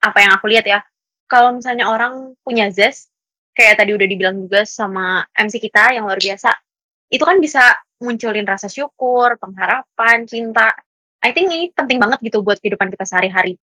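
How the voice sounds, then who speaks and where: A woman's voice: a little high, fairly quick, pushed and bright, dry recording. A young woman chatting casually on a podcast, mixing in English words and laughing often. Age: young adult. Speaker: podcast guest speaker.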